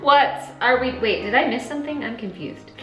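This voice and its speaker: A woman with a fairly high voice chats casually through a makeup routine, playful and sarcastic. The room adds clear echo, and music plays faintly behind her. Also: animated, normal speed, sharp tone. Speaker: vlogger. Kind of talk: casual comedic commentary while following a makeup tutorial. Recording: roomy sound with faint music.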